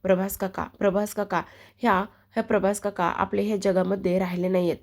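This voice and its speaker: A woman's voice: medium pitch, little pitch movement, a little fast, natural voice. A woman reading as a frantic grieving young wife. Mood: pleading. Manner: pleading, repeating herself.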